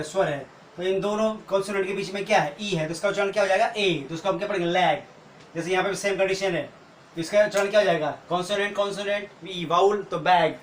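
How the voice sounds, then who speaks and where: An English teacher with a high, slightly bright voice leads a video lesson, walking through the material step by step. He frequently asks rhetorical questions along the way. The room is echoey, with faint noise.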